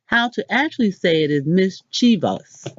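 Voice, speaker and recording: A woman hosting a casual pronunciation lesson, chatty and self-deprecating, repeating words slowly. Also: lowish voice, very animated, a little mellow, muffled recording. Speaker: channel host.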